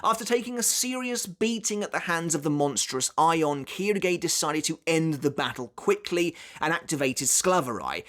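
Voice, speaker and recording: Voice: medium pitch, fairly bright tone. A narrator reading scripted top ten countdown commentary in a dramatic, emphatic way, drawing out key words. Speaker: narrator of a ranked countdown video.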